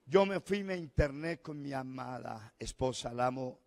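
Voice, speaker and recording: A middle-aged Colombian man preaching a sermon as pastor, swinging between fervent shouts and hushed, tender passages. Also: mid-range voice, expressive, moderate pace, creaky. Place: large church hall. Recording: long church-hall reverb.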